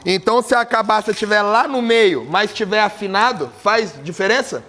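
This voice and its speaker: A man's voice: sits high, a little fast, bright, forceful tone. A man leading a capoeira workshop, asking the group questions and joking as he explains tuning. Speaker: capoeira teacher. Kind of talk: workshop teaching. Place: group class with berimbaus.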